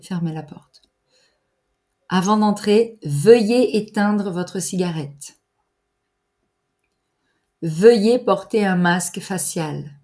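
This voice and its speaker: Woman, unhurried language teacher, precise diction. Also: fairly low pitch, warm tone. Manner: deliberate, articulated teacher's delivery with pauses for exercises. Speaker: French teacher. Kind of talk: slow, clear grammar lesson.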